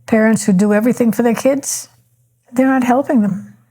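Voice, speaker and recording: An older woman speaking calmly and matter-of-factly, reflecting on her life and firm opinions in a measured way. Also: a little high, breathy edge. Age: older, 70s or above. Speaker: elder interviewee. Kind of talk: reflective personal storytelling.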